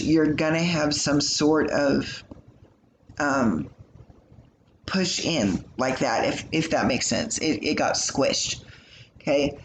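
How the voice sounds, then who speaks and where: A man teaching a recorded math lesson, explaining in a casual, chatty way with lots of fillers. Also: a little high. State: yawning, tired. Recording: echoey room with faint hum.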